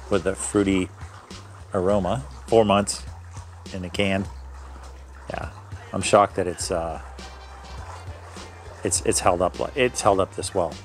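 A man reviewing his own home-brewed beer in a casual tasting video, thinking aloud and correcting himself as he goes. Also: deep voice. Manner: describes aromas and flavors in detail.

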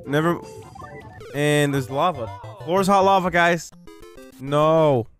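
A man's voice: on the high side, slow pace, faint music behind. A man giving exasperated, heavily sweary reaction commentary while playing video games. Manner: ranting, heavy swearing, exasperated. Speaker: gaming video creator. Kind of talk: profane gameplay reaction commentary.

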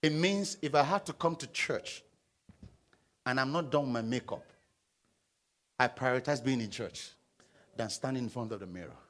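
A man's voice: normal speed, pauses often. A young man with a Nigerian English accent preaching a sermon on a church stage into a handheld mic, calling on the congregation to read along and answer back. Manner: call-and-response preaching, prompting the congregation to read aloud; paces the stage, swings between loud emphasis and low asides. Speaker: pastor. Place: large church auditorium stage.

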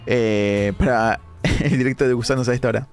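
A young man, hoarse from a sore throat, giving animated live-stream gameplay commentary with dramatic outbursts. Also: mid-range voice, normal speed, faint music behind. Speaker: gaming streamer.

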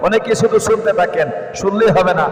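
Earnest high-voiced man in an echoing room. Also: fast. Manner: earnest, coaxing, repeats phrases word by word. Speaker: religious teacher. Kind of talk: prayer recitation lesson. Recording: roomy echo with long reverb.

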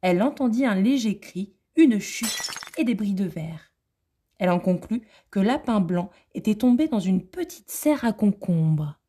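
A woman narrating a storybook aloud at a library in a calm, expressive way. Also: medium pitch, a little slow, slightly rough.

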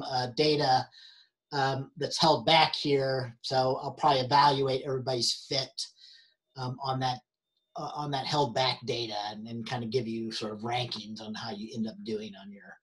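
A man instructor talks through an online help session at a middle pitch. He stumbles and restarts often, filling gaps with ums. His voice is wearing out. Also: a bit bright. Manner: halting, many fillers and restarts. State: losing his voice. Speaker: university instructor.

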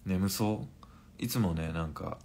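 A man in his forties chatting on a live stream and reading viewer comments, in a languid, drowsy-sounding, unhurried way. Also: deep voice, creaky, darkish tone, a little hiss or hum. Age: 40s.

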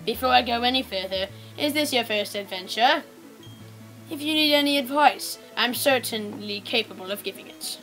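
A man's voice: extremely high pitch, very slow, pauses often, fairly bright tone, faint music behind, heavily acted, poor audio. A teenage boy putting on a kindly older male game professor, with a stiff attempted British accent and a formal tone. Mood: welcoming. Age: teens.

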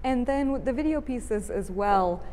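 A woman in her thirties, born in Bulgaria, speaking thoughtfully about her artwork in an interview, often pausing with fillers. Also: on the high side, expressive, darkish tone. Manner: thoughtful, reflective, with frequent fillers. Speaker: artist. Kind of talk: gallery interview. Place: large art gallery indoors. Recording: reverberant gallery, faint hum.

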